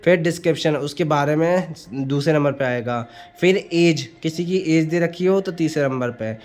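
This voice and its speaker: Male grammar teacher, slightly high voice, walks through rules and quizzes himself as he goes. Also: moderate pace, a little mellow. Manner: explains step by step, asks and answers his own questions; often says "ठीक है" between points. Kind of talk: exam-prep grammar lesson.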